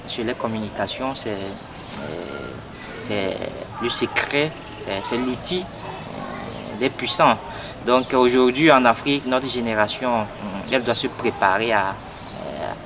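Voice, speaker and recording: A young man, giving an earnest political statement for an interview and hesitating often with fillers and repeated words. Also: mid-range voice. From Togo. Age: 20s. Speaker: young party activist. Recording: noisy outdoor street recording.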